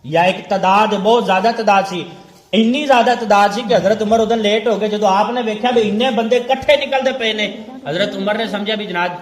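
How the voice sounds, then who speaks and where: A man's voice: high-pitched, brisk. A man with a Punjabi accent in a heated religious debate, speaking fervently and repeating phrases for force. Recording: echoey room with faint background noise.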